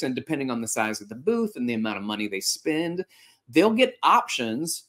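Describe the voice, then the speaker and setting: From a home room featuring a couch and art, a man in his forties hosts his fitness podcast via a video-call style setup, delivering casual practical advice. He is animated, gestures lively, restarts frequently, and has a mid-range voice.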